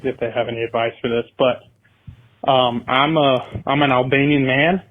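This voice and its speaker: A man's voice: mid-range voice, steady tone, normal speed. Man on a tinny phone line. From United States. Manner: rambling, casual, profane. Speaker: caller. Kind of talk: phoned-in voicemail question.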